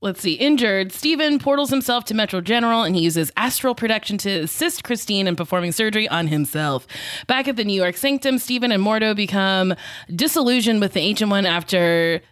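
A young woman co-hosting a casual podcast, playful and quick to laugh. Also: medium pitch, expressive, a bit bright, no echo. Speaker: co-host.

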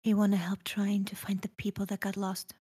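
A woman's voice: mid-range voice, monotone, fairly quick, warm tone, slightly rough. An earnest young woman adventurer answers politely, voiced by a woman at the table. Her tone stays fairly level and plain.

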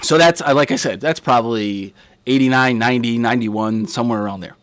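A man in his forties casually telling a funny story, animated and laughing as he acts out the scene. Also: medium pitch, brisk, no echo.

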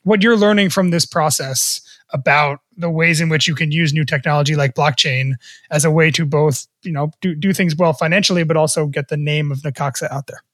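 Podcast cohost guy asking a long careful question, high voice, dry close sound. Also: fairly quick, a bit bright, dry recording. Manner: asks long, careful multi-part questions. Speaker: podcast co-host. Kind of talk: interview questioning.

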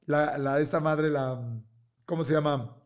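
A middle-aged Mexican man telling a casual, lively anecdote, laughing often and acting out the other people's voices. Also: on the high side, measured pace, clean tone. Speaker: guest telling a story.

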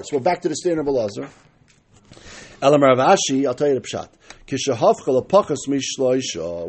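A man with teaches a religious text aloud. His voice sits high and swings widely in pitch, with a husky edge. He reads a phrase, explains it, then argues it through by posing questions and answering them. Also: a little mellow. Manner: argumentative, asking questions and answering them himself. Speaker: Talmud teacher.

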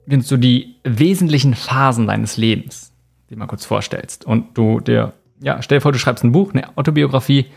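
A man's voice: medium pitch, normal speed, gravelly, a little mellow. A man hosting an interview, affirming his guest in a friendly way and asking open questions. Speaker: podcast host, interviewer. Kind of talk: casual conversational interview.

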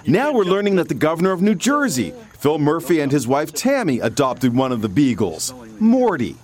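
A man's voice: on the high side, sing-song, normal speed. A man narrating a scripted tabloid TV feature as a reporter, with dramatic, punchy delivery. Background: music bed.

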